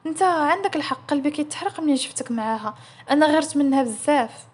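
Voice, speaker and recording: A woman's voice: high-pitched, animated, fast. Woman voicing an earnest Moroccan young bride. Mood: pleading.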